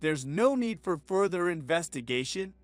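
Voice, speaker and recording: A woman's voice: on the low side, expressive, normal speed, no room sound, lightly acted. A woman voicing a weary, reluctant male police detective in a told story. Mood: dismissive. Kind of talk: scripted narration.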